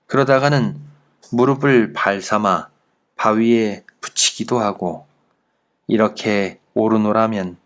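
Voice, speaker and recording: A man reading a classic travel essay aloud in a slow, measured literary narration. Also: lowish voice. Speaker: audiobook narrator.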